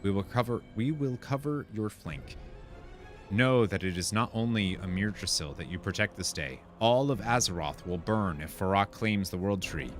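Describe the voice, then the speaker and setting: A gaming content creator gives casual commentary, thinking aloud and reading quest text out, with faint game music and sounds behind him. His voice is on the low side, with lively intonation at a moderate pace.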